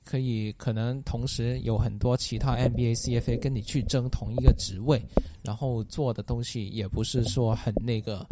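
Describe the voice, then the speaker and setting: A man's voice: mid-range voice, steady tone, moderate pace, very noisy. A male guest in a talk-show interview, explaining at length in a methodical way with many fillers. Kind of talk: casual interview answers.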